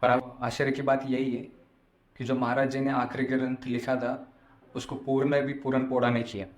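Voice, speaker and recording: Even-toned man preaching, in an echoey room. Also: medium pitch, normal speed. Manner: explanatory, repeats phrases for emphasis. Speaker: spiritual storyteller and preacher. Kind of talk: devotional discourse with parables.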